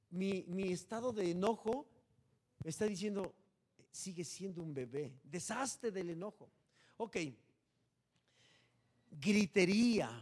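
A man preaching a sermon as pastor, animated and joking, swinging between loud and hushed. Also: sits high.

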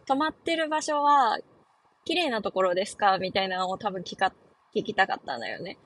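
A woman's voice: medium pitch, a little hiss or hum, low-quality recording. A young woman hosting a casual solo talk show, chatting and laughing with many fillers. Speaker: podcast host.

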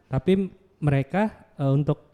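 A young man, easygoing and calm as he explains his view in a casual chat with friends. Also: a little high, normal speed. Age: young adult.

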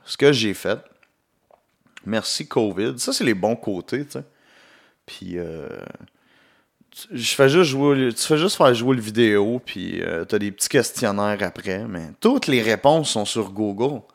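A man's voice: lowish voice, animated, a little slow, vocal fry. A young man with a Québécois French accent, hosting his own solo podcast in a rambling, joking way with plenty of filler and English words mixed in. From Quebec. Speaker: podcast host and comedian. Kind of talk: casual solo podcast monologue.

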